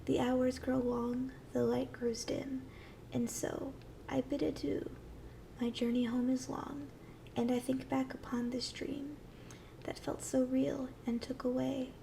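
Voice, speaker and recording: In this poor-quality clip, a woman plays a gentle, ancient dryad of the trees, her high voice very creaky and her pace slow and calming. The tone stays level and the sound is soft, breathy and frequently near a whisper, fully in character for a dreamy, tender fantasy ASMR roleplay. A little hiss or hum can be heard.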